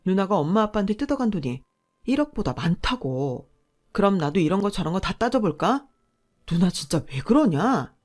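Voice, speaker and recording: A woman's voice: mid-range voice, very animated, moderate pace, a little mellow. A woman voicing a frustrated married man who pleads with his older sister in a radio drama. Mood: exasperated. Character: exasperated younger brother, a married man.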